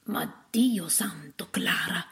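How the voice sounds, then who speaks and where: A woman's voice: mid-range voice, steady tone, takes it slowly, darkish tone. A woman voicing a fussy, curt middle-aged husband who speaks stiffly and gloomily in a storybook reading.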